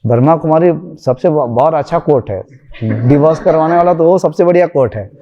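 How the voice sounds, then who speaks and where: A man's voice: fairly high pitch, fairly quick, muffled recording. A man, a spiritual teacher, giving a conversational storytelling talk and acting out the voices of the people in his story.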